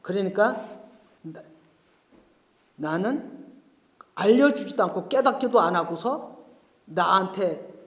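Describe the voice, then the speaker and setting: Male pastor preaching, high voice, big swings up and down, echoey church hall. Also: takes it slowly, pauses often. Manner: expressive preaching that talks to the congregation directly. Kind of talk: Sunday sermon. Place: church sanctuary.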